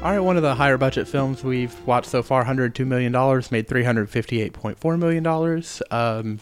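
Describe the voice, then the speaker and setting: Podcast host, male, relaxed chatty delivery, easy laughs, casual swearing. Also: medium pitch, clear, resonant tone. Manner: laid-back, laughs often, curses casually. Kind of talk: casual movie podcast chat.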